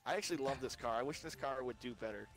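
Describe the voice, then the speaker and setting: A man's voice: mid-range voice, fast, fairly bright tone, soft background music, low-quality recording. A young man chatting casually with friends while streaming a racing game, rambling and laughing often. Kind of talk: casual chat while gaming.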